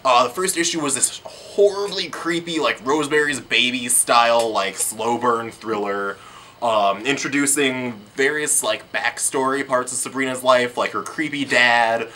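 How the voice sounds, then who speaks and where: A man co-hosting a comic book show, pitching new releases in a playful, upbeat, casual way. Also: moderate pace, sharp tone, a little hiss or hum. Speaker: comic shop show co-host.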